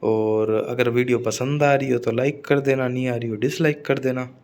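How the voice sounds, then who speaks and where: A man delivers an exam-prep lecture at a medium pitch. He repeats key points and keeps checking in with his listeners. His delivery is steady and instructive. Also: normal speed. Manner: repetitive, checks in with students often. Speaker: teacher.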